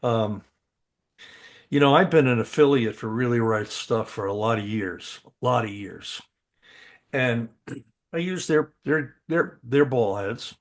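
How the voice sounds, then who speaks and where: In a casual podcast conversation, an older co-host talks with a mid-range voice at a measured pace. He's eager and enthusiastic, often breaking off to restart what he's saying.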